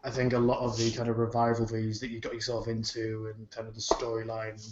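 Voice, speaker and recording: A man's voice: fairly low pitch, monotone, brisk. A man co-hosting a podcast, rambling in casual chat with plenty of swearing and fillers. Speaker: podcast co-host. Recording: dull, roomy podcast recording.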